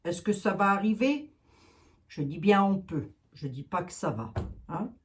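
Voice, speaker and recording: A woman's voice: medium pitch, big pitch swings, a little slow. A woman giving a casual tarot reading to her viewers, thinking aloud with many fillers and asides. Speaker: tarot reader.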